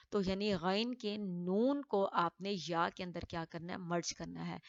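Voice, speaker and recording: Patient woman teacher, drawn-out speech. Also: lowish voice, no room sound. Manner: explains patiently, then chants letters long and loud. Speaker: Quran recitation teacher. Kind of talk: tajweed lesson explaining and demonstrating rules. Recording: slightly dull, dry recording.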